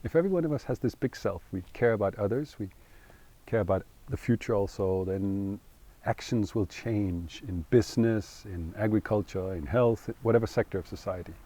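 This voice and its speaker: Middle-aged guy, deep voice, thoughtful and earnest, stops to find words now and then. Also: moderate pace, warm tone. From Denmark. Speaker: co-founder interviewee. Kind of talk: reflective interview talk.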